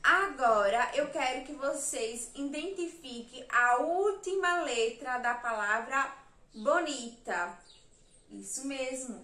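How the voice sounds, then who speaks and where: Brazilian woman, primary teacher; slow, high and bright; distant mic, roomy echo. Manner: slow, patient, counts letters and syllables aloud. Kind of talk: remote lesson for young children. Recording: echoey room, mic at a distance.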